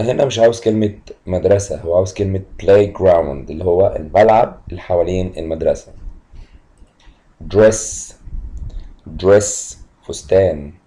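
A man teaching an English lesson, mixing Egyptian Arabic explanations with English words he says slowly twice. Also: deep voice, warm tone, low-quality recording. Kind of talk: vocabulary lesson, slow repeated words.

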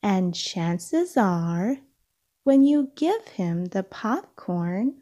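This is read-aloud storybook narration: a woman, her voice pitched in the middle range, takes her time over each line and gives it expressive color meant for small children.

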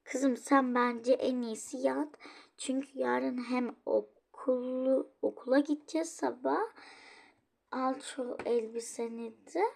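A woman's voice: high voice, fairly even intonation, slow pace, gravelly, heavily acted. A woman doing a weary, fussy mother. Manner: complaining, exasperated. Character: tired, fussy mother scolding her daughter.

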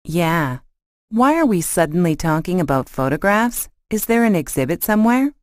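A woman's voice: lowish voice, lively intonation, normal speed, a little mellow, no echo, clean studio sound, lightly acted. A woman acting an agreeable, interested friend in a scripted language lesson dialogue, with careful short sentences.

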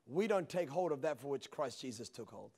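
A man in his thirties preaching a sermon on a large church stage into a handheld mic, swinging between hushed passages and shouted peaks. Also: medium pitch, expressive, a little fast, husky. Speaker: pastor. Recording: long hall reverb.

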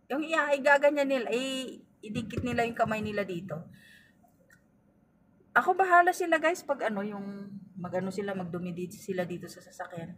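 A middle-aged woman, vlogger and family driver, shares stories casually from her car in a mid-range voice that's a bit bright. Calling her viewers "guys," she dramatizes the dialogue. The mic is distant, with faint ambient sound behind her.

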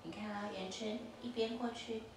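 A mother patiently coaches her toddler through play, repeating simple instructions again and again in a gently instructive way. Her mid-range voice holds a steady tone at normal speed. A distant camera mic captures it, so the home recording sounds echoey, far off, and noisy.

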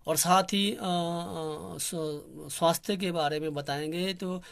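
A man's voice: fairly high pitch, steady tone, vocal fry. Earnest young man. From Kinnaur, Himachal Pradesh, India. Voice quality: soft, quiet voice. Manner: earnest, complaining, many pauses and fillers. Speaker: local activist speaking on a channel. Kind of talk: spoken public appeal.

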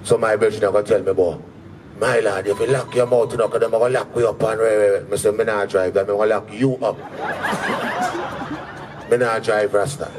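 A man's voice: on the low side, fairly even intonation, fast. A man with a Jamaican accent doing stand-up comedy, telling stories in patois and acting out the people in them. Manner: patois storytelling, acting out quoted characters. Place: live comedy venue with an audience. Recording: distant mic, faint crowd and room noise.

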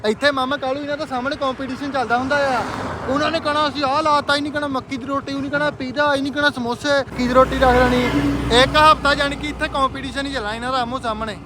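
A man's voice: very high voice, fairly even intonation, rapid-fire, background noise. A man with a Punjabi accent, vlogging in a casual, chatty way and talking straight to his viewers on a phone camera. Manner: chatty, talks straight to viewers while walking and driving. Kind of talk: casual vlog chat.

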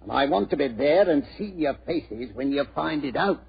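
A man's voice: fairly high pitch, expressive, normal speed, gravelly, breathy edge, full character voice. A man playing a cocksure, chummy British police inspector with colloquial speech in a 1940s radio drama. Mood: confident. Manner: chatty, smug, colloquial. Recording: muffled old radio recording.

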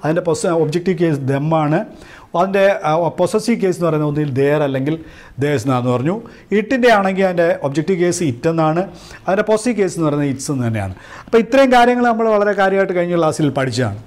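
A man with a Malayali accent teaching a grammar class. His voice sits a little high for a man. He goes over each point slowly and repeats it, checking with his listeners as he goes. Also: animated, darkish tone. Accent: Malayali English. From Kerala, India. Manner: slow, repetitive, recaps and asks "right?". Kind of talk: classroom-style grammar lesson.

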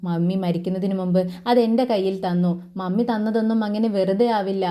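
A woman's voice: medium pitch, fairly even intonation, fairly quick, warm tone, lightly acted. A woman voicing a kind young woman who explains earnestly to her grandmother.

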